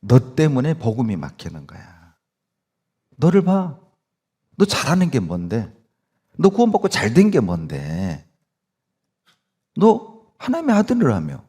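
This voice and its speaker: A man's voice: mid-range voice, huge pitch swings, a little slow, long pauses, mellow, slightly rough, full character voice. A male preacher voicing the devil as a mocking, needling accuser who whispers doubts. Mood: taunting.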